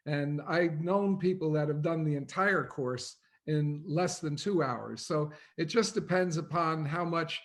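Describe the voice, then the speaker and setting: A man presenting on an online webinar, explaining things in an earnest, persuasive way. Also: fairly high pitch.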